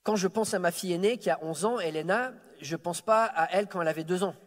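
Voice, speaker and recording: A Frenchman speaks at a quick pace in a high voice while guest-preaching a Sunday sermon. Warm self-deprecating jokes and frequent stammered restarts mark his delivery, and the church hall is reverberant.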